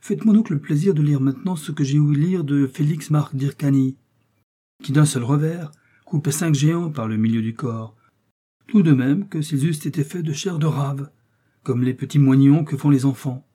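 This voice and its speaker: A stubborn, blustering innkeeper, as a man reads him in an audiobook, who defends his books of knights with gusto. Dark, husky tone throughout. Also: a little high, normal speed. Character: stubborn old innkeeper in love with chivalry books. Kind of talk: audiobook reading.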